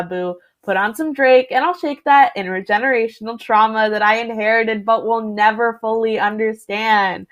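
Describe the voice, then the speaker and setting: Woman doing spoken word at a slam, sarcastic punchy delivery, kinda high voice. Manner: punchy, sardonic delivery with sharp pitch drops on punchlines. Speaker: slam poet. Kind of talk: spoken word poetry performance.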